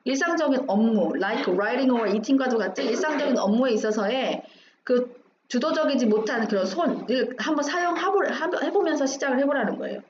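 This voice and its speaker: Woman teacher walking thru an exam text, slightly high voice, asks then answers herself, dull roomy sound w faint hum. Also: animated, moderate pace. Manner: asks herself questions, then answers them, mixing English phrases. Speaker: English teacher. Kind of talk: explaining an exam passage line by line.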